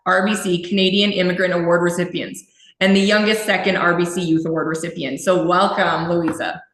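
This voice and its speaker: A woman's voice: on the low side, fairly even intonation, fairly quick, a bit bright. A woman hosting a live panel, talking chattily with fillers as she hands over to the speakers. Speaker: host. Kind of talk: event hosting. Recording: roomy echo.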